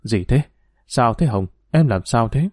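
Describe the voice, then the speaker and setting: Man as flustered older rich man, stammering, mellow dark tone, dry sound. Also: medium pitch, animated, a little slow, no echo. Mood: alarmed. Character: flustered wealthy older man, easily irritated.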